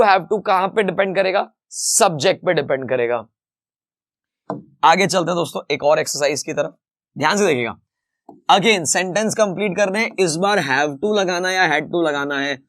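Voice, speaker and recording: A man teaching English grammar in a lively, chatty way, reading each example sentence slowly and then explaining it. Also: fairly high pitch, no room sound, studio quality. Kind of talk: grammar lesson explained in Hindi.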